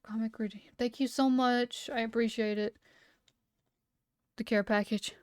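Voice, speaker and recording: Reading entries aloud on her livestream, a woman with a fairly high, slightly mellow voice chats casually between them and skips bits with "blah, blah." Her tone is steady and unhurried, though a slight hoarseness shows she's losing her voice after talking a long time. The close home mic gives a dry sound with no room sound.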